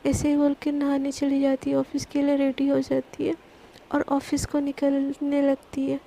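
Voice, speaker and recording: A woman's voice: sits high, monotone, unhurried, creaky, dark tone, a little hiss or hum. A woman narrating a love story in a casual, loosely told way. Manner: conversational, loosely told with restarts.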